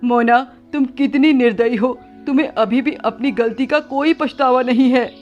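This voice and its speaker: A woman's voice: high voice, fairly even intonation, moderate pace, lo-fi sound, soft background music, close to an everyday voice. A woman voicing a male crow husband who sternly warns his wife. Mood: warning. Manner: stern, warning.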